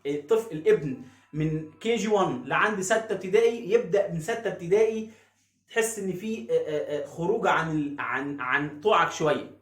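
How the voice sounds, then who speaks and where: A man with an Egyptian Arabic accent teaching English phonics, asking and answering his own questions and repeating words slowly. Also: on the high side, reverberant. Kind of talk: phonics lesson explaining pronunciation.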